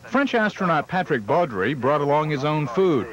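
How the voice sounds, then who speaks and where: A man's voice: on the high side, very animated, normal speed. A man reading scripted television news narration as a correspondent. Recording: dull lo-fi archival TV audio.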